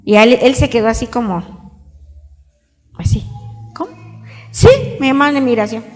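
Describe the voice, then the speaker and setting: A woman's voice: fairly high pitch, moderate pace. A woman pastor at a women's retreat, telling a personal story, then preaching emphatically and putting questions to the audience. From Mexico. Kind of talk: testimony and sermon at a women's retreat. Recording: reverberant hall with soft music behind.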